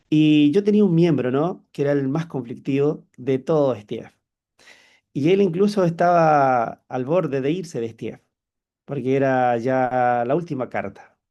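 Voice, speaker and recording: A man with a Chilean accent preaching a sermon as a personal story, animated and exclaiming often. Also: medium pitch. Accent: Chilean Spanish. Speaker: church leader preaching.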